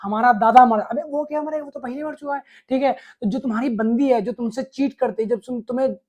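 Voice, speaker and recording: A man's voice: very high voice, fairly even intonation, brisk, dark tone. A man delivering a blunt, crude, scolding advice monologue straight to the viewer, peppered with swearing. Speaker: relationship advice vlogger.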